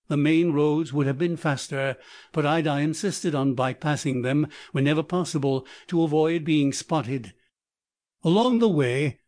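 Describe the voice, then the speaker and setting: A man's synthetic text-to-speech voice reading scripted audiobook narration in an even, measured way. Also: a little high, no echo.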